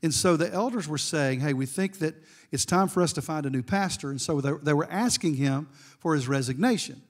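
A man's voice: fairly high pitch, a little fast. A middle-aged man giving a sermon as guest preacher, telling a story with asides to the congregation.

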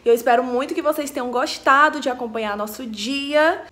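With a high, fairly bright voice and a brisk delivery, a young woman addresses her viewers directly in a casual vlog. The handheld camera stays at arm's length as she moves through her kitchen and living room.

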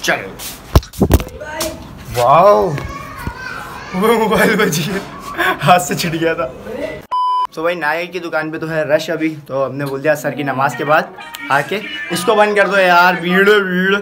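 A young man from Pakistan with a Karachi Urdu accent, vlogging at home in a chatty, excitable, teasing way. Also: a little high, normal speed, music in the background. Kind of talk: casual home vlog. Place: family home indoors.

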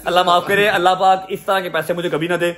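A man's voice: high-pitched, level tone, quick pace, a little hiss or hum. Teasing man. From Pakistan. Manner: warm, teasing, emphatic. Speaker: vlogger. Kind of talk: casual family vlog talk.

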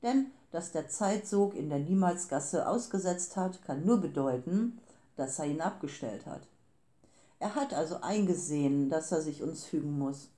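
A woman's voice: sits low, expressive, normal speed, mellow. A woman reading the lines of cold, businesslike grey men who steal time, in a clipped, formal manner. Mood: cool. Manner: clipped and formal, turning panicked.

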